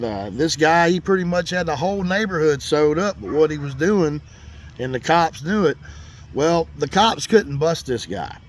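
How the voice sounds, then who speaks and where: Rambling man telling a story. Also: fairly high pitch. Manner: rambling, full of fillers like "man" and "you know"; folksy and earnest, talks about faith. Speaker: host. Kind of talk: casual storytelling monologue.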